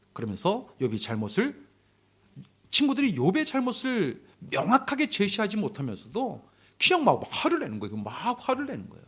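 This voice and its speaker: A man's voice: sits high, slightly rough. A man preaching a sermon as pastor of a church, telling the story animatedly and sometimes dropping to a near-whisper for emphasis. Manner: animated, acts out quarrels in quoted voices. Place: church hall.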